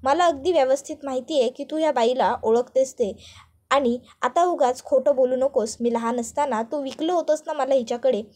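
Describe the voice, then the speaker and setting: A woman's voice: high-pitched, normal speed, a little mellow, lightly acted. A woman voicing a young daughter who speaks firmly and reproachfully to her mother. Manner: firm, reproachful.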